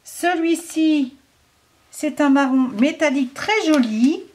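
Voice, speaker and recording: High-voiced, unhurried French woman reviewing. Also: darkish tone. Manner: chatty, hesitant, thinks aloud with many fillers. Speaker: craft product reviewer. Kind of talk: casual product review.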